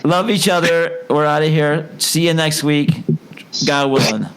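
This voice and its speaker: A man's voice: fairly high pitch, fairly even intonation, measured pace, fairly bright tone, a little hiss or hum. A man hosting a casual talk show, chatting in a rambling, jokey way, often trailing off and restarting his sentences. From Chicago. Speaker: show host. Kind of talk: casual chat.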